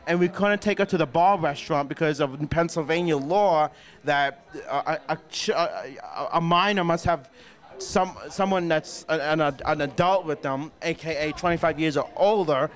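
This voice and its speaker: A man's voice: a little high, moderate pace. Rambling young man recapping a convention. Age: young adult. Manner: rambling, with fillers and restarts. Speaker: host. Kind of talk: casual convention recap chat.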